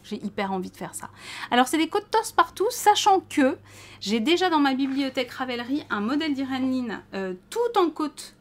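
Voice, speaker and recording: Chatty French woman talking knitting. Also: fairly high pitch. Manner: chatty, self-mocking, rambling with many fillers. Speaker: knitting vlogger. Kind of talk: casual chat to camera.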